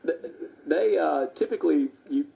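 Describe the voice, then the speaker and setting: A man speaking as an expert guest on live radio, explaining things in a measured, informal way. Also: on the high side, creaky, dark tone, muffled recording.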